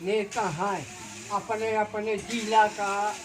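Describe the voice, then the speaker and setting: A villager answers in short dialect phrases, speaking slowly. The outdoor recording carries clear background noise. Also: mid-range voice, level tone. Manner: brief dialect replies. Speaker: villager in the audience.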